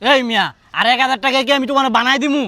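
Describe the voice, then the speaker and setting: Playing a greedy office manager in a short-film drama, a man sneers with contemptuous, threatening scorn. His delivery is fast, high, and bright, in a dry, close recording.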